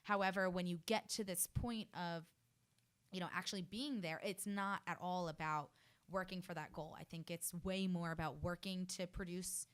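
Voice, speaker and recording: A woman's voice: on the low side, fairly even intonation, moderate pace, clear, resonant tone. A young woman in her early twenties from New Jersey, a fashion student telling her story in a radio interview, earnest and effusive with many fillers. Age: early 20s. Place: radio studio.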